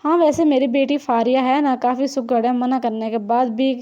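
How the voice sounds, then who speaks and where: A woman's voice: high-pitched, steady tone, normal speed, dark tone, highs cut off, lightly acted. A woman voicing a scheming, showy middle-aged aunt in an audiobook reading. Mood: boastful. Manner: showy, self-praising.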